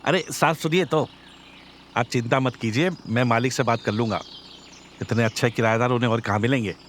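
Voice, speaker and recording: A man's voice: mid-range voice, brisk, a bit bright, a little hiss or hum, close to an everyday voice. A man voicing an eager, fawning property broker in a horror audio drama. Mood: salesy. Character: pushy smooth-talking male property broker.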